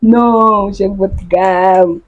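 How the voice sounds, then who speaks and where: A woman vlogger who laughs often and acts out the phrases she explains in a casual, lively way. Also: medium pitch, drawn-out words, muffled recording. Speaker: YouTuber explaining local slang.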